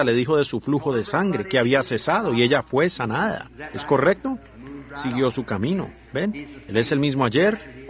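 A man voices a preacher's sermon in a dubbed Spanish reading. His pitch sits in the middle range, and his delivery is earnest, broken up by rhetorical asides and direct questions to the listeners.

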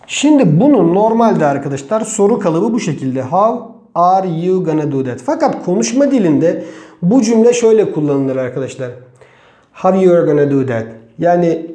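A man whose first language is Turkish, teaching an English grammar lesson and slowly spelling out example sentences word by word. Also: sits high, dark tone, echoey room.

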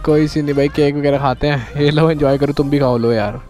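A young man riding through city streets, narrating a casual vlog and calling out excitedly to his viewers. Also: on the high side, fairly quick. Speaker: moto vlogger. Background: music.

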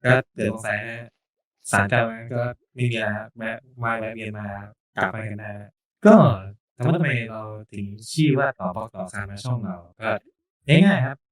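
Low-voiced man hosting a casual podcast. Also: brisk. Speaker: podcast host. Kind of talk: casual podcast chat introducing a channel.

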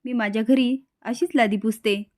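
A woman's voice: a little high, fairly even intonation, moderate pace, darkish tone, lightly acted. A woman voicing a meek, village-raised young daughter-in-law. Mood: timid. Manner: timid, humble.

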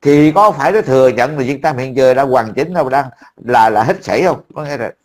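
A man's voice: mid-range voice, expressive, fairly quick, darkish tone. A man, talking casually to a friend as an online commentator, blunt, profane and mocking.

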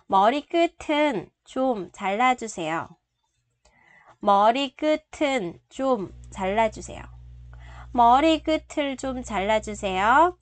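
A woman's voice: fairly high pitch, no echo. A Vietnamese-speaking woman teaching Korean phrases, explaining each word patiently and repeating the sentences. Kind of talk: bilingual vocabulary lesson.

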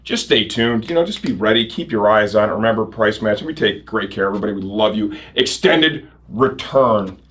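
A man's voice: fairly low pitch, expressive, fairly quick, few pauses, fairly bright tone. A man in his thirties presenting a casual sales promo as a shop show host, upbeat and punchy in his phrasing. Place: indoor shop set.

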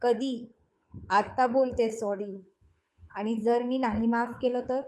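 A woman voicing a young husband in an audio story reading, earnest and pleading, in a slow, even voice. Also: a little high. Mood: irritated. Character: young husband, stern then tender.

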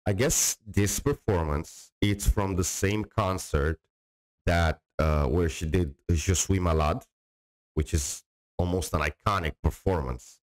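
A middle-aged man with a low, deep voice talks close into a studio microphone in a small dim room. He chats loosely and rambles, restarting his sentences and filling gaps as he goes. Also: poor audio. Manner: rambling, with many restarts and fillers. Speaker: reaction channel host. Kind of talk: casual talk to camera. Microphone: studio mic on a boom, close.

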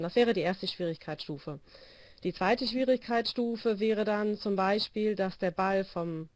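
In a dry recording from a small indoor room, a woman in her forties with a mid-range, slightly mellow voice explains how she trains her volleyball players. It's a video call interview, phone at her ear, and she hesitates often with fillers.

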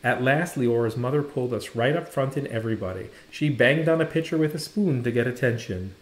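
A man reading a children's picture book aloud with an expressive read-aloud delivery, sometimes stopping to comment on the pictures. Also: mid-range voice, brisk. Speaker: storybook reader. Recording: roomy echo.

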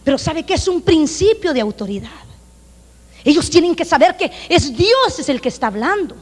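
A woman's voice: sits high, very animated, normal speed. Emphatic Honduran woman preaching in a reverberant church. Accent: Honduran Spanish. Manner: emphatic, preaching loudly with acted-out quotes. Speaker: pastor. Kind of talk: sermon. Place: church sanctuary. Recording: long reverb of a church hall.

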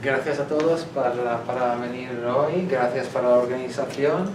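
An Italian man in his forties, a guest speaker, gives a public lecture in Spanish, which is not his first language, in a small lecture room at a civic centre. His medium-pitched voice comes at a normal speed, and he gestures, hesitates, and searches for words now and then. Captured by a far camera with no mic, the audio is noisy and echoey from a distance.

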